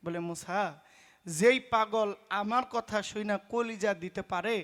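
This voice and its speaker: High, bright folk preacher. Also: male voice, measured pace. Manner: loud and emphatic, acts out voices in the story. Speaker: folk singer preaching a story. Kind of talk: pala gaan storytelling sermon. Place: stage at a live folk performance.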